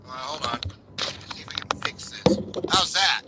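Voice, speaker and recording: A man's voice: mid-range voice, moderate pace, background noise. A man joining a casual chat online, joking and laughing easily, his voice tinny as if talking inside a tin can through a poor microphone. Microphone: poor computer microphone over an online call.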